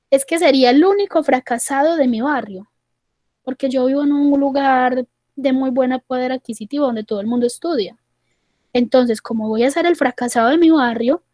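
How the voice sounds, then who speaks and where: A woman's voice: high voice, a little mellow, dry recording, natural voice. A woman quoting an anxious young male student who keeps insisting on the worst case, in a plain, dry recording.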